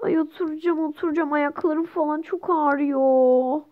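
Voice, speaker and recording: A woman's voice: sits high, steady tone, normal speed, natural voice. A woman voicing a vain, fussy young mother who complains dramatically, in a dull lo-fi recording.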